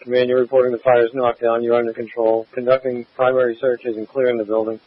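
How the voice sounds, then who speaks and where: A man's voice: mid-range voice, level tone, quick pace, husky. A man working as a fire alarm dispatcher, giving clipped, procedural read-backs and assignments over a radio channel. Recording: tinny, phone-like radio channel.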